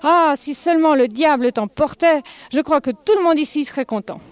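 A bitter old village woman from a storybook tale, voiced by a woman, grumbling and then shouting accusations. She speaks loudly and a little higher than the narrator's own voice. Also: fairly even intonation, normal speed, no room sound, lightly acted. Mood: accusing. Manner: accusing, raised voice.

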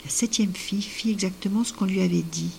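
A woman's voice: medium pitch, a little fast, gravelly, a little mellow, slight background noise. Whispering woman telling a folk tale. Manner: often drops to a whisper. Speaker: storyteller.

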